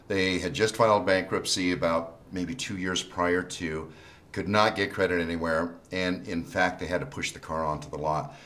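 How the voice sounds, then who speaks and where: A man's voice: low voice, a bit bright, slight background noise. A man talking conversationally as a car salesman in an infomercial.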